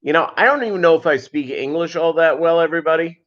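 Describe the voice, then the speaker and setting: A fishkeeping channel's host rambles through a casual livestream, reading viewer comments aloud and answering them. His voice is fairly high and fast, and the sound quality is lo-fi.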